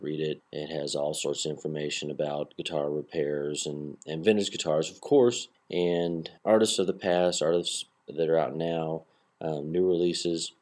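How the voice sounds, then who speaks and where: Recorded through a laptop's built-in microphone, this solo hobby podcaster has a low, darkish voice that's slightly nasal because of a cold. He rambles in a relaxed way, full of fillers and false starts.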